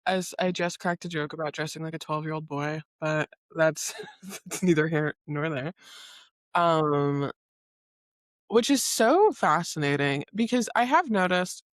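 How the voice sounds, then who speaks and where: A woman's voice: low voice, measured pace, no room sound, clean studio sound. A woman in her late twenties co-hosting a podcast, chatting loosely with lots of "like" and frequent laughter. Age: late 20s. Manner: chatty, laughing, full of filler "like". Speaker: podcast co-host. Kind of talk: casual chat.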